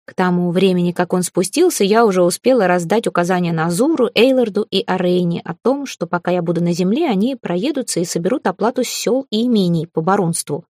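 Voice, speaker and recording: A woman reading a first-person audiobook in a calm, even storytelling manner. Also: on the low side, fairly quick, hardly any pauses, dry recording, clean studio sound. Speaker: audiobook narrator.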